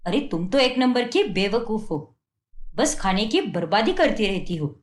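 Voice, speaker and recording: A woman's voice: medium pitch, big pitch swings, moderate pace, close to an everyday voice. A woman voicing a harsh, fault-finding young husband in a cartoon story, scolding and belittling. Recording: echoey room.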